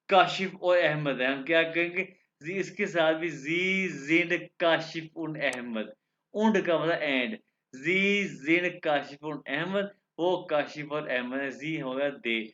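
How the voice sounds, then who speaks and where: A man teaching a language lecture. He explains slowly and repeats himself, stopping often to check that the students follow. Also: fairly high pitch, a bit bright. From Pakistan. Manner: slow and repetitive, checking understanding with the students. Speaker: German teacher. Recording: echoey room, dull lo-fi sound.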